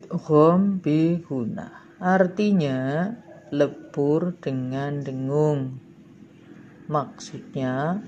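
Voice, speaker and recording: A woman's voice: sits low, dull audio, background noise. A woman teacher explaining a lesson patiently to schoolchildren, drawing out the example words as she recites them. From Indonesia. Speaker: primary school religion teacher. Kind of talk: slow classroom lesson.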